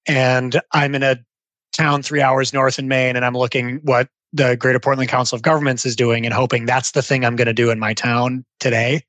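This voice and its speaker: A man speaking as a guest over a remote connection, his level jumping and dipping as the audio drops out. The sound is dry and close, with no room around it. He reasons out loud, restarting sentences and stringing examples together. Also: medium pitch, little pitch movement, a little fast, dry recording. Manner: thinks aloud, restarts and lists examples. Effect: call audio cutting out, uneven volume. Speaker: guest expert on rural transportation planning. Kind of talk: remote podcast interview, explaining at length. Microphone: remote call connection.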